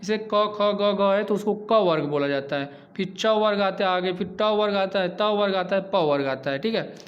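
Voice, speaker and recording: A man's voice: sits high, moderate pace. A man teaching Hindi grammar in an online lesson, sounding out examples and checking in with frequent short asides. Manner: repeats examples, frequent "theek hai" check-ins. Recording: dull lo-fi recording.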